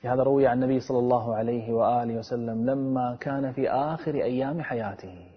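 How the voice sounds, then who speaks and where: A man preaching a sermon with earnest, dramatic storytelling and a husky voice. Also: mid-range voice, quick pace. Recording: echoey and dull, long reverb.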